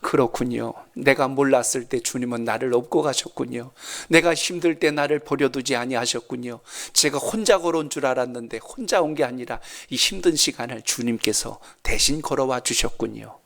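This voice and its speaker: A man's voice: medium pitch, normal speed, gravelly, hardly any pauses, a bit bright. A man playing a grieving young man who cries out plaintively to God in a sermon story. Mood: grateful. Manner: pleading, plaintive.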